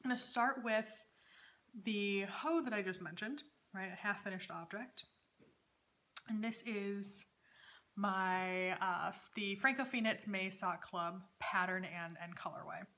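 Medium-pitched, pushed and bright, her voice moves at a measured pace. The speaker is a knitting podcast host in her thirties, talking hesitantly in a chatty vlog from her home dining room.

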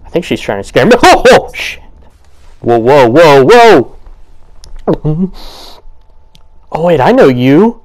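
Yelping excitable young man gaming. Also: on the high side, takes it slowly, pauses often, rough recording. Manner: excitable, shouts and yelps in sudden bursts, crude jokes. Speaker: let's play gamer. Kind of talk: comedic gameplay commentary.

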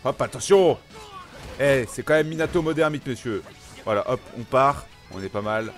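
A man from France, a gaming YouTuber, talking chattily through character setup and gameplay with lots of quick exclamations. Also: medium pitch, faint music behind. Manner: excitable, chatty, punctuates action with exclamations. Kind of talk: gameplay commentary.

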